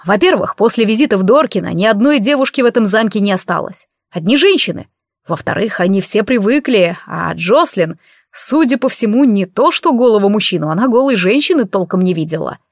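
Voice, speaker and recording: A woman's voice: mid-range voice, animated, fairly quick, dry recording, studio quality. A woman voicing a haughty, sarcastic male elf in armor in an audiobook. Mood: weary. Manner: sarcastic, eye-rolling.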